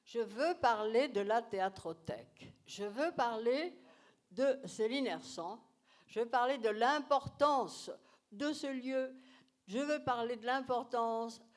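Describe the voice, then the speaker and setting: An older woman speaks spontaneously as a masterclass guest, animated and self-mocking, repeating her phrases. Her voice sits fairly high and she talks slowly. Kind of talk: spontaneous public talk.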